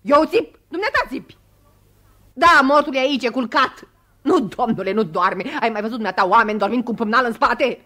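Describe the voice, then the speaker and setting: An excitable telephonist of fifty in an old 1960s radio comedy. Her voice sits high and swoops all over as she chatters and shrieks. The acting is broad and theatrical. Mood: frantic. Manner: theatrical, shrieking in fright, quick to laugh.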